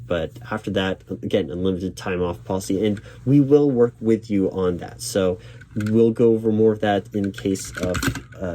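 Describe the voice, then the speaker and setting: Male job interviewer role-play: mellow, mid-pitched, reassuring and halting, faint noise with typing behind. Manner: reassuring, accommodating. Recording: lo-fi, noisy, clacking keyboard typing. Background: computer keyboard typing.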